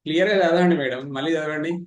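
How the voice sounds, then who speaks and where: A man runs an online public speaking class. His voice sits a bit high and the words come quickly. He is animated and teases his students, and the room gives his voice a roomy echo. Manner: fast, animated, teasing participants. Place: online meeting.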